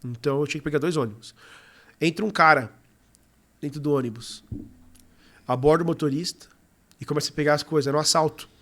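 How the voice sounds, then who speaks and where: A young man in his twenties from Brazil, a podcast guest telling his life story in an animated, casual way full of fillers. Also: fairly high pitch, quick pace, long pauses.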